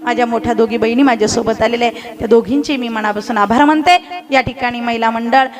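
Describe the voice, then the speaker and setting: A woman with a Marathi accent preaching a devotional kirtan sermon, shouting from the belly in impassioned, repetitive phrases and acting out comic stories. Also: a little high, fast talker, a crowd in the background. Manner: acts out a crying old woman in a comic story.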